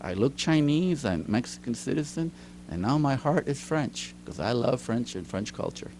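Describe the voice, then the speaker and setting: A man's voice: mid-range voice, animated, normal speed, noisy background. A middle-aged man, a teacher and writer, telling stories as an interview guest in a chatty way, often laughing. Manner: chatty, laughs often, acts out quoted lines. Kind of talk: casual storytelling interview. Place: recording studio.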